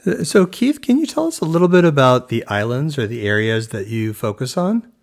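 A man's voice: mid-range voice, sing-song, a little fast. A man in his fifties co-hosting a podcast, speaking casually and a bit hesitantly. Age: 50s. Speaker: podcast co-host. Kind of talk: podcast interview.

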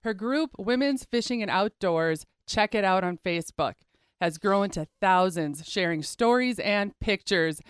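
Smooth-voiced woman radio host. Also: medium pitch, lively intonation, a little slow, dry recording, studio quality. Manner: chatty, enthusiastic, direct address to listeners. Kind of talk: upbeat radio show hosting.

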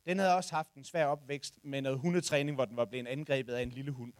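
A man in his forties telling a personal story to listeners, animated and sometimes shouting in the tense moments. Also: medium pitch, no room sound. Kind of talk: personal anecdote told to listeners.

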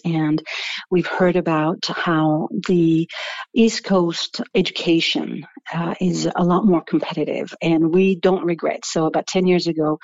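A middle-aged woman speaks English with a French accent, her voice sitting a little low. She answers at length, circling back and restarting her thoughts. The recording is dull and dry. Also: darkish tone, no room sound. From France. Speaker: guest, business founder. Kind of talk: interview answers.

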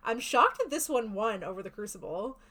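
A woman's voice: a little high, lively intonation, fairly quick, a crowd in the background. A woman co-hosting a podcast, explaining in a rambling, chatty way. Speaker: podcast co-host. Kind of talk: casual podcast chat.

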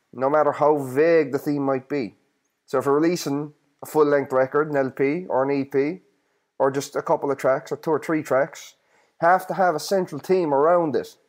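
Higher-voiced North Kerry Irish man, irreverent podcaster. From North Kerry, Ireland. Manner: irreverent, sweary, slangy. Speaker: host of a music podcast. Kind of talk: casual solo podcast talk.

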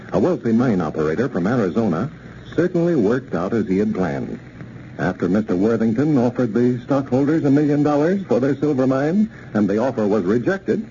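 A man's voice: lowish voice, dark tone. A man in the manner of an old-time radio announcer, reading a scripted sponsor message and story introduction in a folksy way. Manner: folksy, addresses young listeners directly. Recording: dull, noisy old radio recording.

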